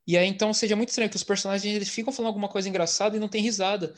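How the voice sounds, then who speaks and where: A podcast host speaking Brazilian Portuguese chats casually about TV series, his voice sitting high and his delivery rapid-fire. He's relaxed and slangy, with plenty of fillers.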